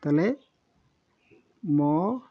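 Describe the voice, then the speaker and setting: Man slowly teaching kanji, dull lo-fi sound. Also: on the high side, lively intonation. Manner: repeats words slowly, spells out syllables, often says sorry. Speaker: Japanese teacher. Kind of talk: kanji lesson while writing on a board.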